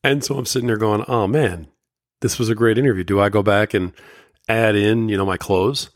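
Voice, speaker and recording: A podcast host talks alone into the mic, candid and motivational, his lowish voice slightly scratchy from a summer cold. He keeps a steady tone at normal speed, and the studio recording is clean with no echo.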